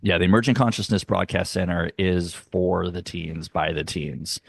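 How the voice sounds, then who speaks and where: Deep gravelly-voiced man, earnest. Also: fairly even intonation. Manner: earnest, explanatory, sometimes slow and emphatic. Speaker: guest, youth arts nonprofit leader. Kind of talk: conversational interview. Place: home, dog barking nearby.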